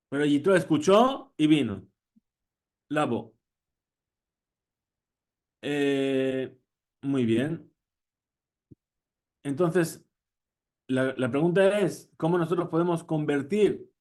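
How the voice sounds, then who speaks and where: Rabbi teaching with questioning pauses. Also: male voice, a little high, darkish tone. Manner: teaching with questions and Hebrew quotes; frequent hesitations and restarts. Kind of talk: Torah class.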